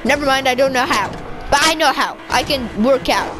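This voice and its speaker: A woman giving casual, chatty commentary over her gameplay, excitable and constantly correcting herself mid-sentence. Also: high voice, normal speed, over music, rough recording. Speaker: gaming video creator.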